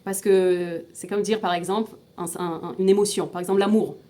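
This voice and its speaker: A woman's mellow, medium-pitched voice stays steady and moves a little fast, with slight background noise behind it. Teaching informally, she explains step by step, quizzes her students, restarts and repeats words often, and drops in Hebrew terms.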